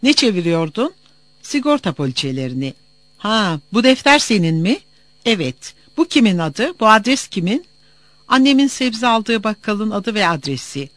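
A reader voicing a gruff male soldier interrogating a traveler with short, clipped questions, in an audiobook. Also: mid-range voice, sing-song, moderate pace, fairly bright tone, dry recording, pitched above the performer's own voice. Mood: suspicious. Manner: curt, clipped demands.

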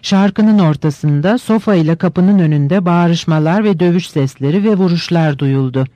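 A man reading a novel aloud in steady, measured scripted narration. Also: fairly high pitch, no room sound, muffled recording.

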